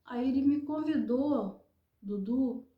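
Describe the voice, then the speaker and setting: A Brazilian woman giving an earnest personal testimony, retelling events in a halting, repetitive way. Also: high-pitched, echoey room, lo-fi sound. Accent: Brazilian Portuguese. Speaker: survivor telling her story.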